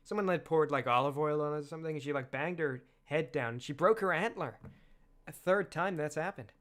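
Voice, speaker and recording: A young man streaming a game, chatting casually with lively tangents and frequent laughter. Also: fairly high pitch, a little fast. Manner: animated, laughs often, chatty asides. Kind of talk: casual let's-play commentary.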